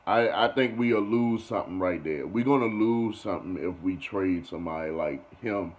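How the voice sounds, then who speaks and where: Brief: young man, lowish voice, laid-back sports vlog rant, repeats phrases, "you feel me" talk. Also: moderate pace. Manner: loose and conversational, repeats phrases, keeps saying "you feel me". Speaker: sports vlogger. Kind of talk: casual sports commentary monologue.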